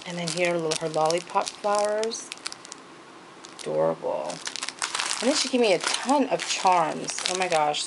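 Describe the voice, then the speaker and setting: A woman's voice: fairly low pitch, background noise. A woman craft vlogger showing off gifts in a casual show-and-tell, gushing and thanking people over and over. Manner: gushing, repeats thanks and praise.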